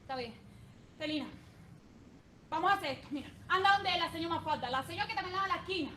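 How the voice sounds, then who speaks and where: A woman's voice: extremely high pitch, fast talker, a little hiss or hum. A woman playing a poor washerwoman mother who talks in a chatty, storytelling way. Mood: coaxing. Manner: chatty, storytelling, soft-spoken. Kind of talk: stage drama.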